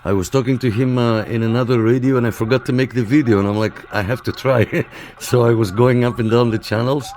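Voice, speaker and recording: Fast-talking, with a darkish mid-range voice and fairly even intonation, a man works his radio set indoors. He's a CB operator and YouTube host making casual contacts, chatting to viewers, and informally repeating radio call phrases over clear background noise and radio clicks.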